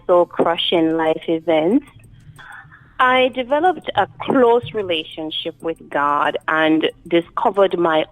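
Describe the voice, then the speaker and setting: A woman in her thirties from Jamaica with a Jamaican accent, a guest author giving earnest, measured interview answers. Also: mid-range voice, no room sound, rough recording.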